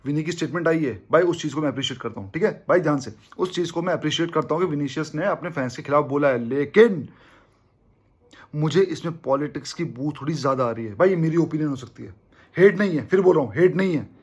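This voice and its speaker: A young Indian man running a football fan channel delivers an emphatic, casual opinion monologue, constantly addressing viewers as brother. His voice is a little high and breathy, and he talks quickly.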